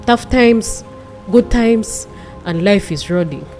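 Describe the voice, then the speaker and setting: A woman's voice: mid-range voice, slow, a little mellow, faint music behind. A woman in her twenties, a podcast guest, telling her personal story earnestly and repeating phrases for emphasis. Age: 20s.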